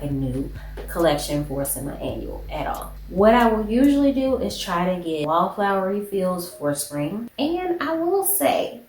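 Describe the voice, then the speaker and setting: Woman vlogger, lowish voice, stuffy nose, rambling casual haul chat; echoey room, faint noise. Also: a little mellow. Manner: chatty, rambling, lots of "like". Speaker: beauty and shopping vlogger.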